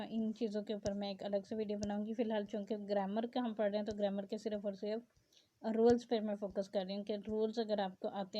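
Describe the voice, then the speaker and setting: A woman's voice: mid-range voice, warm tone. A woman teacher reads out a grammar lesson and explains it in plain asides. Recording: dull lo-fi sound.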